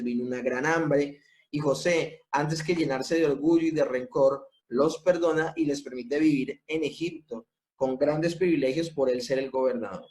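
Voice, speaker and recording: A man's voice: a little high, a little mellow. A man giving an earnest theology lecture, emphatic, repeating phrases and restarting as he explains. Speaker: Bible teacher.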